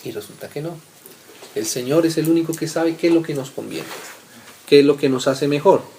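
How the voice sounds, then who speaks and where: A man's voice: fairly high pitch, a little fast, a little hiss or hum. Preacher man teaching scripture, asking "right?". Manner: reads scripture aloud, asks listeners "¿cierto?" often; swings between loud readings and soft asides. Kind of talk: Bible teaching.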